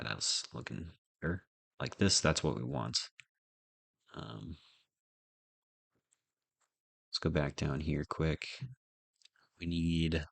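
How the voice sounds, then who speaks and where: A man with a very low, gravelly voice talks through a coding tutorial as he types. He thinks aloud and mutters to himself. The sound is dry and close, with no room around it. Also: a bit bright, dry recording. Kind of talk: casual live coding narration.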